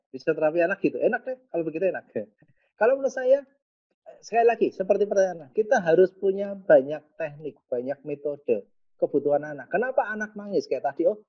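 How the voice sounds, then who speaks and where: A man speaking as a pediatric physiotherapist answering webinar questions, explaining in detail with light joking. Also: fairly high pitch. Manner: explanatory, joking, with a Javanese touch. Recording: dull lo-fi online call audio.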